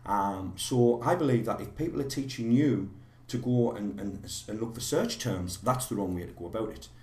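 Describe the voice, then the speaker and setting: A man with a cold-roughened, low, dark voice rambles through a live online lesson at a moderate pace. Fillers and restarts are frequent, and his words echo around the room.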